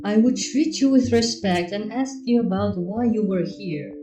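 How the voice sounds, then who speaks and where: A woman voicing a regal, ancient pony princess in a story reading, measured and formal. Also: medium pitch, reverberant, recorded from a distance, natural voice. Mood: composed. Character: regal thousand-year-old pony princess, composed and proud. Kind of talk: fan fiction character reading. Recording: dull, muffled sound under music.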